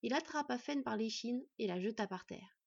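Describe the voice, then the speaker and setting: A woman narrating a fantasy story in a measured storytelling way. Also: fairly high pitch, animated, creaky, breathy edge, no room sound. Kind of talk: scripted narration. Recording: dry, slightly dull recording.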